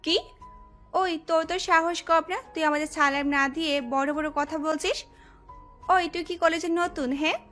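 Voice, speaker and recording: A woman's voice: very high-pitched, steady tone, normal speed, a bit bright. A woman voicing a brash, bullying young female college senior who taunts a new student in an audio drama. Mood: taunting. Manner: taunting, aggressive. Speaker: friend of the gang leader. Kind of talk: Bengali audio love-story drama. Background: faint background music.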